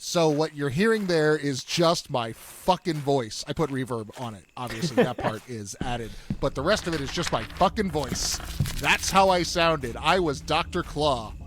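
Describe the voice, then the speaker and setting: This game team member, who also played one of the characters, gives a frank, profanity-laced account of building that character's voice, laughing readily throughout the casual chat. He speaks at a moderate pace in a fairly high, animated voice, with music and background noise behind him.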